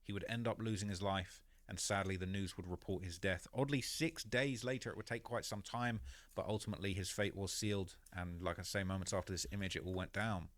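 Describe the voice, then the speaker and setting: A man's voice: sits low, steady tone, fairly quick, fairly bright tone, no room sound. Man narrating a story in a dry, close sound. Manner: conversational, with many fillers like "you know" and "basically". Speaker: YouTube narrator.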